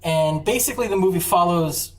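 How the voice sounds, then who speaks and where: A convention panel presenter giving a casual, chatty talk on film, full of fillers and quick laughs. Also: medium pitch. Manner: enthusiastic, chatty, laughs often, many fillers. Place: university convention room. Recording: echoey room, far mic, faint hum.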